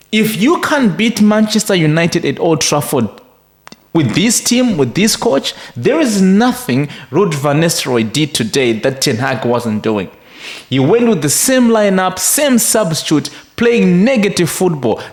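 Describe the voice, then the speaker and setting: A young man giving a frustrated, emphatic football match review, repeating his points. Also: a little high. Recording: echoey room.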